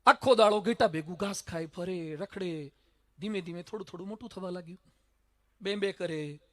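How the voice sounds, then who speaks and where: Casting: a high, bright-voiced male orator, dramatic, loud then hushed. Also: normal speed. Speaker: public speaker. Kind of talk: stage speech with storytelling. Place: stage at a public event.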